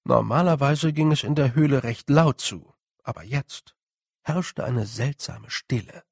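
A man narrating a storybook calmly and evenly at an unhurried, deliberate pace. His voice is husky, with a gravelly edge to it. The recording is dry, with no room sound. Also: mid-range voice, dry recording. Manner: calm, measured storytelling. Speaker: audiobook narrator. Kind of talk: scripted narration.

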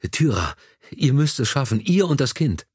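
A man's voice: mid-range voice, very animated, moderate pace, darkish tone, slightly rough, no echo, studio quality, pitched above the performer's own voice. A man reading a shaken, loyal young nobleman. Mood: desperate. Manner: strained, earnest. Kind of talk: audiobook dialogue.

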